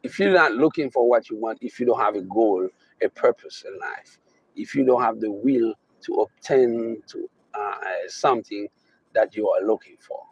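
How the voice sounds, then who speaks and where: A man's voice: on the low side, slightly rough, no echo, poor audio. A man from Haiti with a Haitian accent, giving a motivational talk, emphatic and fond of repeating his key phrases. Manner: emphatic, repeating phrases, slow drawn-out stresses. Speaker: motivational speaker.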